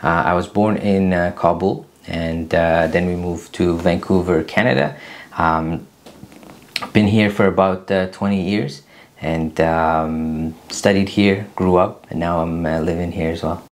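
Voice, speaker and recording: A man in his thirties from Afghanistan, hosting his own channel and answering viewer questions in a casual, earnest way with many pauses. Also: low-pitched, fairly even intonation. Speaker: YouTube channel host. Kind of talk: casual Q&A to camera. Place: small room indoors. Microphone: camera at desk distance, seated.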